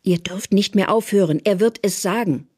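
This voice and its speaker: A reader voicing a fierce young woman interrogator who shouts harsh demands, with a husky voice, in a radio drama. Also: medium pitch, animated, slow, no room sound, studio quality, voice pushed up, heavily acted. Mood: shouting fury. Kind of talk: German radio drama reading.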